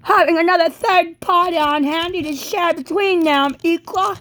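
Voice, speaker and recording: A woman giving a rambling spoken monologue in disjointed, halting, drifting phrases. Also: very high voice, fairly bright tone, dry recording, studio quality.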